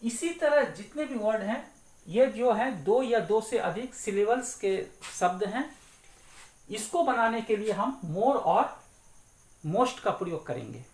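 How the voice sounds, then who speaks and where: A woman teacher giving a grammar lesson, speaking slowly and deliberately and repeating words to break them into syllables. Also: a little high, expressive, a little mellow. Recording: echoey room.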